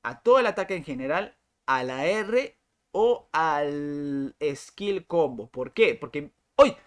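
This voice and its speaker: Chatty game streamer. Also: male voice, fairly high pitch, animated, slow pace. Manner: chatty, exclamatory, repeats himself. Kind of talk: live gameplay commentary.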